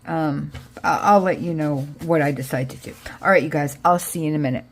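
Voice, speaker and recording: Talking fairly quickly in a deep voice, a woman narrates a craft project with a faint hiss or hum behind her. She's a craft vlogger who was born in Israel, grew up in Connecticut and has an American accent. Her commentary is casual and rambling, full of thinking aloud and trailing off.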